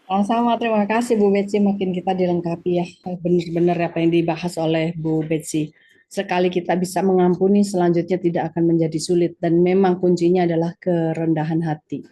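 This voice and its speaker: A woman's voice: lowish voice, level tone, brisk, mellow. A woman moderating an online meeting over a video call, affirming the speaker and opening questions in an orderly way. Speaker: session moderator.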